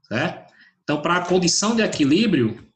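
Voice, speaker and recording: A man's voice: sits high, sing-song, moderate pace. A man teaching an online physics class, calling on students by name and asking questions that he answers himself.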